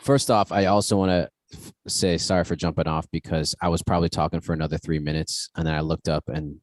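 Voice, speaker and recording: A man co-hosts a podcast in a very deep voice. The sound is dry and close, with no room around it. He eases in with hesitant "um"s before asking a long, careful question. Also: little pitch movement, fast, no echo. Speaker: podcast co-host. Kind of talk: casual podcast chat.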